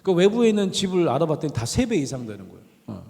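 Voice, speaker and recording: A middle-aged professor with a voice on the high side and noticeable vocal fry lectures at a quick pace. He's a guest speaker telling stories in a large university chapel, acting out quoted voices, with the hall's long reverb audible.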